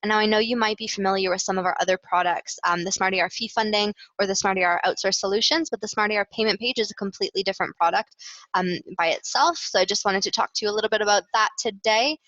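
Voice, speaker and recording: Speaking fast in a mid-range, slightly bright voice, a Canadian-accented woman who works as a client success manager walks through a product demo on a webinar. Her explanations are casual and full of hesitations. The audio is roomy and a little dull.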